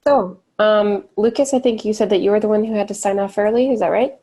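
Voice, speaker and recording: A woman with a congested, nasal voice leading a casual video call meeting in a friendly, brisk and joking way. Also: mid-range voice, steady tone, mellow. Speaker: meeting facilitator.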